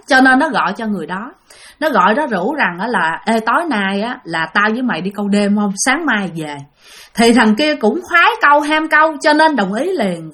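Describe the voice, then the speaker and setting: A woman hosting a channel and telling a ghost story aloud, speaking chattily to her listeners with dramatic pauses. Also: on the high side, fairly bright tone. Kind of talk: spoken ghost story narration.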